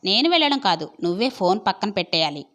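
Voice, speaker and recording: A woman's voice: medium pitch, sing-song, fast talker, a bit bright. A woman voicing a cheeky younger brother who teases his sister in an audio story. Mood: teasing.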